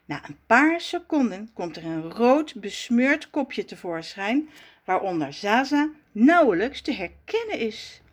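A woman reads a children's storybook aloud in an unhurried, deliberate way. Her fairly high voice moves with lively swings. Each line is shaped with care for young listeners. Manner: slow, expressive and warm read-aloud delivery.

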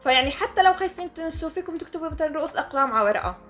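A woman's voice: sits high, animated, rapid-fire, fairly bright tone, soft background music. A woman with a Levantine accent explaining things casually and emphatically to listeners as a podcast co-host.

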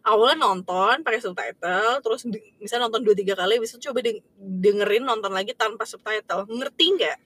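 A woman's voice: medium pitch, brisk, hardly any pauses, a bit bright, breathy edge, no echo. A young woman from Indonesia chatting casually, telling stories and acting out what others said. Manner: chatty, storytelling with acted-out quotes. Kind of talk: casual chat.

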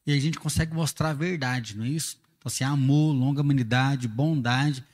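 A man's voice: medium pitch, fairly quick, a little mellow, in a large hall. A father speaking in a conversational teaching talk, earnest and explanatory, often asking rhetorical questions. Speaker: father and church speaker on parenting.

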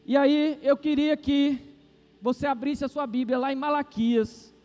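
Excitable male preacher, very high voice, long church-hall echo. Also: a little slow. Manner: animated, exclamatory, dramatizes dialogue. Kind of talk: sermon with acted-out story. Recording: long reverb of a hall, faint music.

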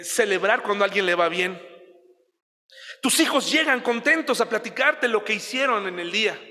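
A man with a Mexican accent preaching a sermon, his voice very high and bright. He talks in a chatty way, asks the listeners questions and acts out everyday scenes. The long reverb of a large hall trails after his words. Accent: Mexican Spanish.

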